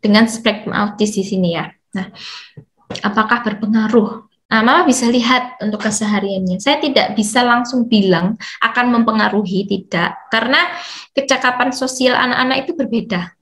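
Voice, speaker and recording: A woman's voice: on the high side, normal speed, a bit bright. A woman leading a parent seminar as an educator, explaining patiently with frequent fillers and reading out questions. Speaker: educator for parents of children with hearing technology.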